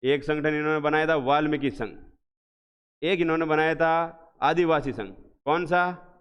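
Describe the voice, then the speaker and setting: Man, revision lecture, fairly high voice, smooth tone, repeats questions and answers, echoey hall, dull lo-fi audio. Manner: drills students with repeated questions, slow emphatic answers. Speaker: teacher.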